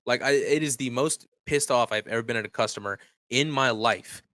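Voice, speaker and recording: A man's voice: mid-range voice, brisk, no room sound. A man co-hosting a podcast, telling work stories in casual chat and acting out the angry customers. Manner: animated storyteller, acts out angry customers. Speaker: podcast co-host.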